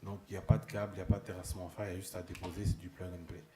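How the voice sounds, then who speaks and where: A man's voice: low-pitched, flat delivery, racing, echoey room, noisy background. A man from France who founded a solar start-up, explaining it plainly at a forum. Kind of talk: presentation at a forum.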